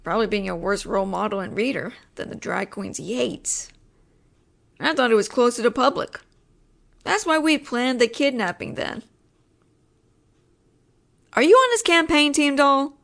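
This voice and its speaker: In an audio drama monologue, a woman with a high-leaning voice plays a female mafia boss, sighing over the incompetence around her in wry wiseguy slang. Her gravelly, fairly bright delivery is animated and moderately paced, with frequent pauses as she explains things wryly. Beneath the exasperation she comes across as apologetic and protective.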